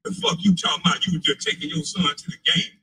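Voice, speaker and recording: A man's voice: fairly high pitch, huge pitch swings, racing, creaky, sharp tone, a little hiss or hum, low-quality recording. A man in his forties in a profane, mocking, taunting rant. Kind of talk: heated rant.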